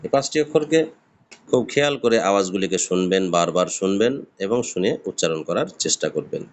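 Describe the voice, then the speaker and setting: A man's voice: low voice, expressive, fast. A man teaching a beginner's lesson on pronouncing Arabic letters, patiently explaining and drawing out each sound. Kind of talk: step-by-step pronunciation lesson.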